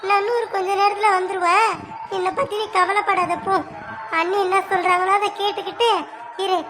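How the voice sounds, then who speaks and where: A woman's voice: extremely high pitch, fairly even intonation, fairly quick. A woman doing a soothing cartoon mother. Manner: gentle, coaxing. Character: village mother soothing her little daughter. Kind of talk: dubbing an animated village story. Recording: voice with loud music behind.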